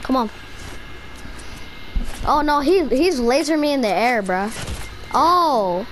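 A high-voiced gamer in excited, casual squad chat. The talk is slangy frat-bro style, dotted with "bro" and "bruh", and there is clear noise behind the voice. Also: slow, poor audio. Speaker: video game player.

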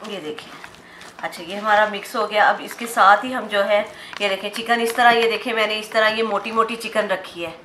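Speaking briskly in a steady, mid-range voice that's pushed and bright, a cooking-channel host chats viewers through each step of a recipe. Oil fries in a pan behind her in her home kitchen, where the recording picks up echo and slight background noise.

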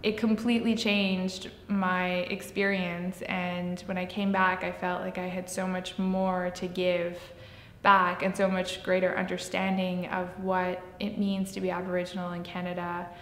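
A woman's voice: monotone, measured pace. A woman in her thirties from Pakistan, answering interview questions in an earnest, fluent way. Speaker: program alumna, human rights worker. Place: indoor room with shuttered window. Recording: echoey hall-like room with faint rumble.

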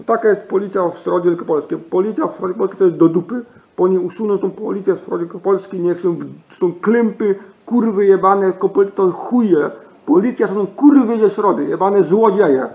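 A man, an amateur video maker, delivering an angry rant to the camera, swearing over and over and shouting. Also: high voice, fairly quick, narrow, tinny audio. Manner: furious, repetitive swearing, shouting. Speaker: amateur YouTuber. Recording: echoey room.

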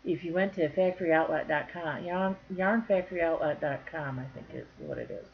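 A woman's voice: low voice, brisk, muffled recording, a little hiss or hum. Chatty woman vlogging, folksy and joking. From northern Michigan. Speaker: crochet vlogger. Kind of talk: casual chat to camera.

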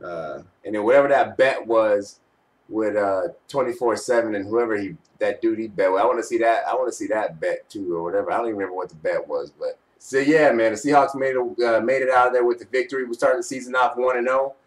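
A man's voice: fairly low pitch, fast. A young man giving casual, teasing postgame commentary in slangy speech, recorded on a webcam in a bedroom. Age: young adult. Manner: slangy, teasing trash talk. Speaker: sports fan vlogger. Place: small bedroom, indoors. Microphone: webcam at arm's length. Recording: home webcam, slightly distant mic.

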